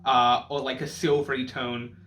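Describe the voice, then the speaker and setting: A man's voice: mid-range voice, level tone, moderate pace, fairly bright tone, a little hiss or hum. A man giving casual reaction and review commentary in a campy drag-queen manner, peppered with drag slang.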